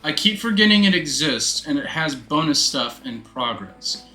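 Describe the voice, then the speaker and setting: A man's voice: a little high, lively intonation, normal speed, sharp tone. A man giving a commentary on his game playthrough and reading its dialogue aloud, in a roomy-sounding recording. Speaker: let's player. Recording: roomy echo, faint music behind.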